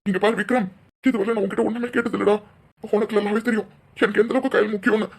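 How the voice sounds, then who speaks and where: A frightened young husband in a cartoon drama, voiced by a woman, pleading urgently in a husky middle voice. He pushes for answers, his words rushing and fearful. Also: mid-range voice, fairly even intonation. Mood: anxious pleading. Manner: anxious pleading.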